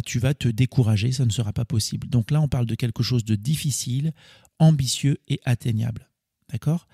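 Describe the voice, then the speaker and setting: A man with a gravelly, mellow voice talks through a coaching podcast episode in an easy, explanatory manner. He often corrects himself mid-sentence and the sound is close and dry. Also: mid-range voice, no room sound. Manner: casual, explanatory, self-correcting with small laughs. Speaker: podcast host. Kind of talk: solo coaching podcast talk.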